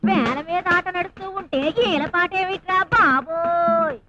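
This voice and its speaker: A woman's voice: very high-pitched, measured pace. An actress playing a bossy, scolding middle-aged woman in a comedy film. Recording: dull old film soundtrack with music.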